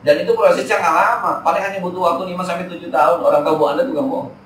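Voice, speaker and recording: A man's voice: high voice, steady tone, very fast, slight background noise. A man, giving a chatty, joking religious study talk in a mosque. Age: 40s. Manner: chatty, jokey, slangy Jakarta talk. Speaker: Islamic teacher. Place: mosque hall. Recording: echoey hall from far off.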